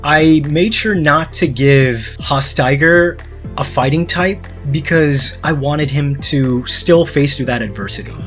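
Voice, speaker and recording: A man's voice: fairly high pitch, measured pace, fairly bright tone, soft background music. A young man hosting, narrating his design story in a dramatic scripted way with casual asides. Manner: dramatic storytelling, then laughing banter. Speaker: artist and channel host.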